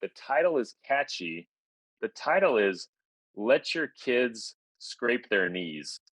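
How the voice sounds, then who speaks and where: A man's voice: medium pitch, big pitch swings, takes it slowly, a bit bright, no echo, poor audio. A man co-hosting a casual podcast, upbeat and chatty, talking in long run-on thoughts. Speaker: podcast co-host.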